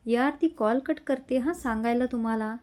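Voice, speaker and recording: Brief: woman narrator doing a blunt, impatient young man in an audio story, mellow voice. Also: on the high side, moderate pace, lightly acted. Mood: excited. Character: hot-tempered young man friend.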